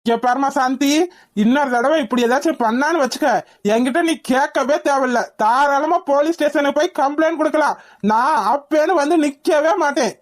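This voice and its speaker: A woman's voice: high voice, brisk, natural voice. A woman voicing a stern middle-aged village father in a cartoon. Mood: angry. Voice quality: harsh, scolding. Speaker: father scolding his wife. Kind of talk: cartoon voice acting.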